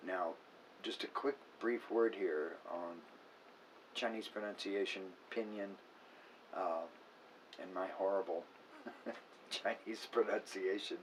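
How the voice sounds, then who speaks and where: An acupuncturist explains a topic in casual, unscripted educational talk, using filler words and correcting himself as he restarts. His voice is deep and slow with long pauses, and he sounds a bit far from the mic amid faint room noise.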